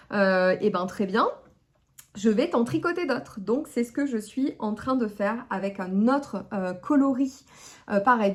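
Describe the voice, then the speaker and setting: A woman's voice: mid-range voice, darkish tone. Hesitant woman chatting to camera. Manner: hesitant, many fillers and self-corrections; chuckles at herself. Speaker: knitting podcast host. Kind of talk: casual chat to camera. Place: at home, in front of her camera.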